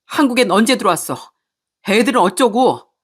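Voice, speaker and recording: A woman's voice: medium pitch, expressive, moderate pace, slightly rough, pitched above the performer's own voice. A woman voicing a betrayed husband who angrily accuses his wife. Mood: angry, accusing. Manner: angry, accusing.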